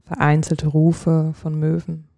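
A calm, soothing narrator guiding a relaxation dream journey like a sleep story, speaking in short, unhurried phrases with long pauses. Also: medium pitch, gravelly, no echo.

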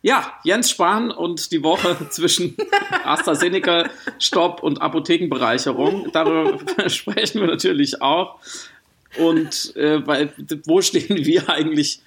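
Gravelly-voiced man co-hosting a podcast. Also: on the high side, measured pace, fairly bright tone. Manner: thoughtful, wordy, with frequent restarts and laughs. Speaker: podcast co-host. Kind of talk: casual podcast conversation.

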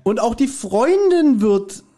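This male podcaster speaks slowly in a very high voice that swings widely in pitch, yet his tone stays dark. He's casually going back over an audio drama, retelling and reviewing it.

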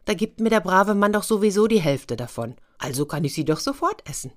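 A woman's voice: mid-range voice, animated, a little fast, voice pushed up, lightly acted. A woman voicing a greedy, cheeky hungry boy in a children's story, eager and self-justifying, in a slightly raised voice. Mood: musing.

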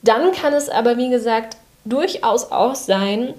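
A woman coach giving a calm, explanatory live talk, speaking directly to the viewer. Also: a little high, measured pace.

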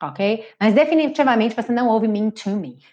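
A woman with a Brazilian Portuguese accent runs a live online English lesson. She drills each sound patiently and repeats words slowly so learners can copy her. The stream audio is dull and lo-fi. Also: on the high side, animated, mellow. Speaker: English teacher.

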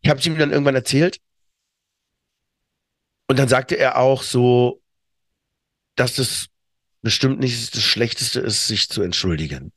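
A man's voice: mid-range voice, unhurried, long pauses, a bit bright, no echo. A middle-aged man co-hosting a podcast, talking in casual chat, reflective, with many fillers and restarts. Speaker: podcast co-host.

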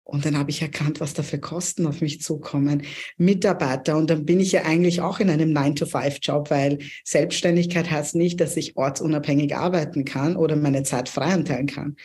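A woman's voice: low-pitched, steady tone, fairly quick, a little mellow. Woman from Pakistan, thirties, podcast guest, earnest storytelling, hesitant fillers. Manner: earnest, reflective, many hesitations. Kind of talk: interview storytelling.

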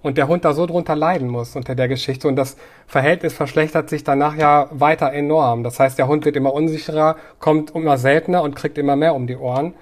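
A man's voice: on the high side, fairly even intonation, fast talker, hardly any pauses. A man, a dog trainer and podcast guest, explaining his views thoughtfully at length, with fillers and restarts. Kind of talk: conversational podcast interview.

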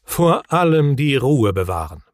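A man voicing a calm, self-important troll father who speaks in a measured way in a storybook reading. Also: medium pitch, no room sound, studio quality.

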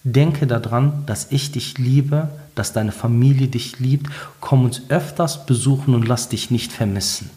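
A man retelling the words of a stern, devout father, speaking solemnly and in measured phrases. The voice is an ordinary male voice at a middle pitch. It stays close to the teller's own sound. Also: mellow, natural voice.

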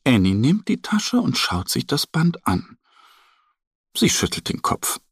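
Slow, very expressive male storyteller. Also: medium pitch, vocal fry, breathy edge, dry recording, studio quality. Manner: very expressive, sing-song storytelling. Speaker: narrator. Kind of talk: children's story narration.

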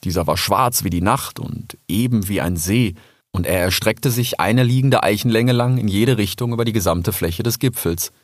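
A man narrating a children's audiobook in an expressive, storytelling way. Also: on the low side, moderate pace, no echo, clean studio sound.

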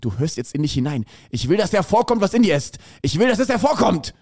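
A man voicing a sinister shapeshifter who threatens in a low, hushed voice. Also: sing-song, fast, dry recording, studio quality, full character voice. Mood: menacing.

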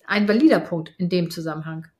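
A woman's voice: on the low side, fast, a little mellow. A woman in her forties, co-hosting a casual parenting podcast, thinking aloud with many fillers and restarts. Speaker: podcast co-host.

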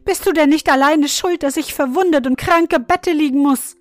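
A woman's voice: high voice, moderate pace, dry recording, faint music behind, voice pushed up, close to an everyday voice. A woman voicing a wounded little girl in bed who reproaches her godfather, in a storybook reading. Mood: reproachful. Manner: pleading, accusing.

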